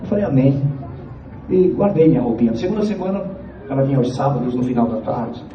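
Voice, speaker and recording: A man's voice: medium pitch, lively intonation, noisy background. Earnest man testifying in church. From Piauí, Brazil. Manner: earnest, halting storytelling, repeats phrases, addresses the brethren. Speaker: church member giving a testimony. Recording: echoey, distant, dull church recording.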